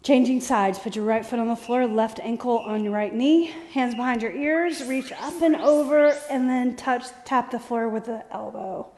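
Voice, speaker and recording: A woman's voice: fairly high pitch, normal speed, few pauses, darkish tone, in a large hall. A woman leading a workout class as fitness instructor, calling out short, encouraging coaching cues.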